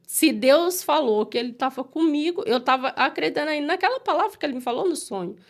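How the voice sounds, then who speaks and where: A woman's voice: high voice, expressive. Earnest Brazilian woman telling her testimony. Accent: Brazilian Portuguese. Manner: earnest, halting, re-enacts her own prayers. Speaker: guest giving a testimony. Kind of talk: emotional church testimony.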